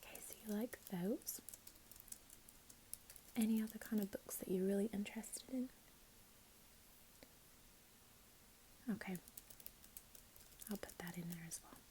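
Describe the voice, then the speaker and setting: A woman playing a helpful, chatty librarian in a whispered role-play, speaking in a gentle, unhurried library whisper. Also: mid-range voice, a little hiss or hum, lightly acted, poor audio. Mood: helpful, calm. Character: helpful, chatty female librarian signing up a patron.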